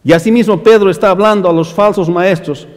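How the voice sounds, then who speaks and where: Preaching with emphasis, a male pastor addresses his brothers in the congregation directly, his voice climbing on repeated phrases and falling low as each line ends. He talks fairly quickly, and the sound carries the echo of a big room.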